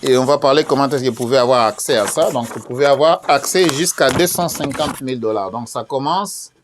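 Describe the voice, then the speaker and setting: Man from Congo, event host, halting filler-heavy promo delivery, repeats himself. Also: medium pitch, slight background noise. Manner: many fillers and repeated phrases; hesitant, repeats key questions. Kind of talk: casual promotional talk with screen share.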